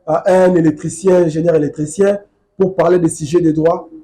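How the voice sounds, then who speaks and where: A man's voice: on the high side, fairly even intonation, fairly quick, warm tone. A man from Congo, a legal researcher, lecturing in a studio political debate and insisting on finishing his point. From Democratic Republic of the Congo.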